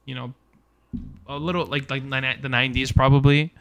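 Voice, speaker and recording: A man's voice: mid-range voice, little pitch movement, normal speed, a bit bright, smooth. A young man co-hosting a casual podcast over beers at a bar, rambling and swearing freely as he retells movies. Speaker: podcast co-host.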